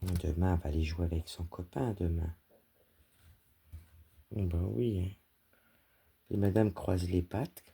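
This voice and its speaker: A woman's voice: a bass voice, steady tone, unhurried, vocal fry, pauses often, dark tone, breathy edge. A woman cross-stitch vlogger chatting casually while she stitches and talks fondly to her dog.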